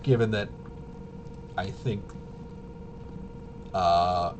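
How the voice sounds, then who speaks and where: A tabletop RPG reviewer and explainer casually walks through game rules without a script, halting and rambling as he thinks aloud. The recording is clearly noisy, with a low rumble.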